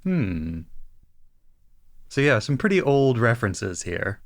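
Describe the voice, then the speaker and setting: A man co-hosts a casual podcast discussion at a middle pitch. His delivery is wry, and he keeps dropping joking asides. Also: big pitch swings, slow. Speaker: podcast co-host.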